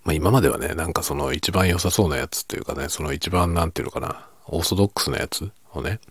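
A man speaks in a quiet, nighttime murmur, chatting casually and keeping his volume down. His voice is extremely deep, with a husky, creaky grain. It is recorded close and dry, and now and then it slips toward a whisper. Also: fast, dry recording. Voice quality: low, gravelly, husky. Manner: quiet, hushed low-volume talking as if at night, drifting into whisper. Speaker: video creator and host. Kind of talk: late-night casual soft-spoken chat.

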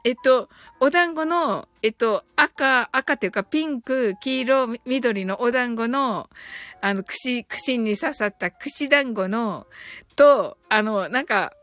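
A woman's voice: fairly high pitch, slow pace, fairly bright tone, no echo. A woman hosting a casual live stream, reading listener comments aloud and laughing often. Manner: giggly, reads comments aloud with frequent laughter.

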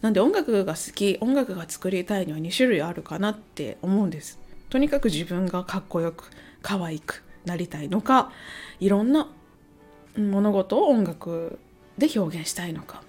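A hungover woman talks casually to her listeners. She rambles a little, thinking aloud as she goes, in a medium-pitched voice. Soft music plays faintly behind her. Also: expressive, moderate pace. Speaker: host, amateur-facing musician and songwriter. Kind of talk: casual solo chat to listeners.

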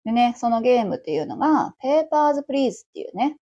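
A woman's voice: a little high, big pitch swings, racing, mellow, muffled recording. A woman around forty with a Kansai accent, chatting on her own as host of a livestream radio show, rambling along with many fillers. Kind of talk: casual solo chat.

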